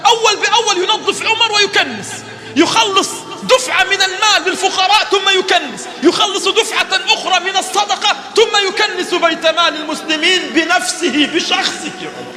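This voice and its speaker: A male preacher delivering an impassioned sermon, fervent and often shouting. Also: very high voice, expressive, brisk, big-room sound, over music, a crowd in the background.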